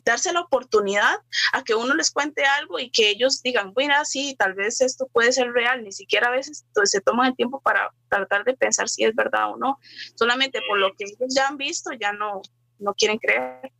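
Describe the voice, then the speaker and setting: Woman, bright, slightly high, earnest, dry close recording. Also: moderate pace, vocal fry, dry recording. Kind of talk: casual faith chat.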